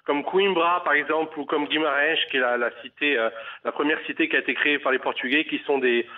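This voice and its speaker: Radio caller, Parisian man, slightly high voice, halting, heard over a tinny phone line. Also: steady tone. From Paris, France. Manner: hesitant, many fillers and restarts. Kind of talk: phone interview. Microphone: telephone.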